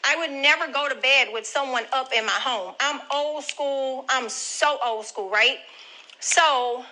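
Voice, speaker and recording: A woman's voice: high voice, measured pace, bright, forceful tone, low-quality recording. A grandmother telling viewers a personal story in a chatty, direct way. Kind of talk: casual storytelling to camera.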